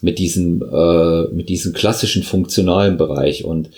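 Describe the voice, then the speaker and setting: A man hosting a podcast interview, talking in a halting, affirming way as a fellow trainer. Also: low voice, fairly even intonation, creaky, a little mellow.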